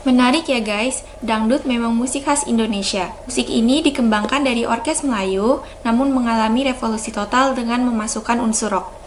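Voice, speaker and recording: A woman's voice: fairly high pitch, moderate pace, a little hiss or hum. A woman narrating a video, upbeat and addressing the viewers directly. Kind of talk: scripted narration.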